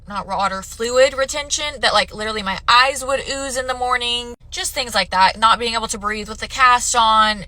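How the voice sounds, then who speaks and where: Bright, stuffy-nosed woman vlogging. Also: mid-range voice, dry recording, low-quality recording. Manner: candid, chatty, talks straight to viewers. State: stuffy, congested nose. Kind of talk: casual chat to camera.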